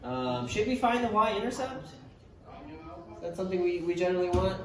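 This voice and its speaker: A man's voice: high-pitched, normal speed, recorded from a distance. Casual male math teacher in an echoey room. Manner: casual, thinks aloud while writing, dry sarcasm. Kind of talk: classroom lecture. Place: classroom. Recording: echoey classroom from afar, hiss.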